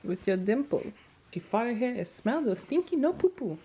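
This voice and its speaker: A woman's voice: a little high, very animated, a little fast, warm tone, slightly rough. A young woman, a new mother, chatting casually to the camera and cooing to her baby in a family vlog. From Nigerian American. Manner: chatty, coos in sing-song baby talk.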